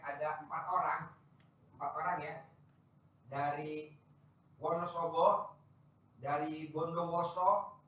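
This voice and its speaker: A man, hosting and chatting loudly and teasingly with visitors. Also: sits high, a little hiss or hum. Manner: joking, boisterous, loud and teasing. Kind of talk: casual chat with visitors. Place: large echoey space, maybe a sheep barn. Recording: very echoey, distant mic.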